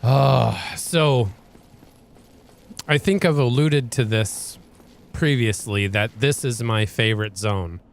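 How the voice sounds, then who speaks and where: A man's voice: mid-range voice, slow. A man hosting a let's play, giving casual gameplay commentary in a rambling, hesitant way with frequent restarts.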